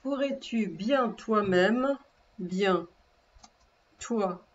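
Woman teacher reading a dictation, deliberate and repetitive, mid pitch, muffled recording. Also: lively intonation, a little hiss or hum. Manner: slow and deliberate, repeating and spelling words aloud. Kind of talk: dictation lesson.

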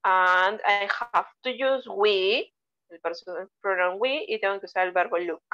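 A woman's voice: mid-range voice, measured pace, sharp tone, muffled recording. A woman with a Peruvian Spanish accent teaching English online, explaining grammar step by step and praising her students. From Peru. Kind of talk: bilingual online English lesson.

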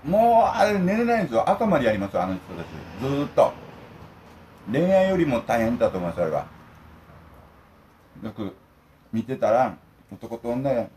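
A man's voice: medium pitch, very animated, moderate pace, pauses often, a little mellow, slight background noise. An older man ranting indignantly and emphatically to his viewers while eating lunch at home. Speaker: vlogger.

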